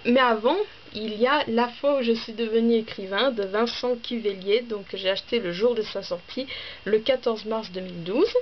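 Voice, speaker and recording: A woman's voice: fairly high pitch, normal speed. A woman talking casually in a book vlog, listing titles in a hesitant, chatty way with many fillers and restarts. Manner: chatty, listing items one by one. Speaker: book vlogger. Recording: slightly dull with faint background noise.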